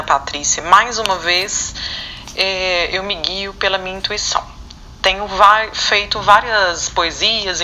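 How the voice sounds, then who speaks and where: Bright, deliberate young woman from Minas Gerais. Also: medium pitch, a little hiss or hum, rough recording. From Belo Horizonte, Minas Gerais, Brazil. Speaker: artist and interview guest. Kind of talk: prepared self-introduction.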